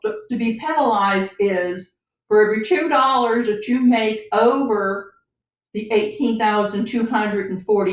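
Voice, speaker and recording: A financial advisor appears as a guest on a podcast, where she explains things point by point in a halting way. Her mid-pitched voice sounds distant from the microphone in an echoey room. The recording is roomy and dull, with a lo-fi feel.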